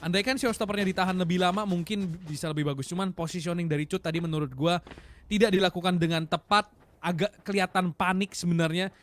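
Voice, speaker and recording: An Indonesian man commentating an esports match like an excited game announcer, in a slangy, emphatic, analytical way. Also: high-pitched, fast talker.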